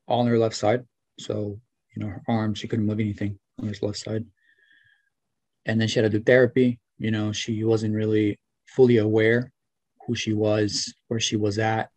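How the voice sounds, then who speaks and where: A man's voice: fairly low pitch, darkish tone. A young man speaks earnestly into a laptop mic from a small room at home. He talks casually and gratefully, with plenty of filler words. The sound is dry and close, with no room echo. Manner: earnest, grateful, many fillers like "you know" and "right". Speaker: interview guest, former student. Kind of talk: video call interview, casual. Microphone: webcam or laptop mic on video call.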